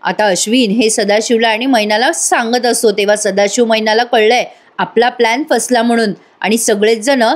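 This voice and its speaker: A woman giving a chatty voice-over recap of a TV serial, speaking straight to her audience. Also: fairly high pitch. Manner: chatty, addresses the audience directly. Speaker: TV serial reviewer.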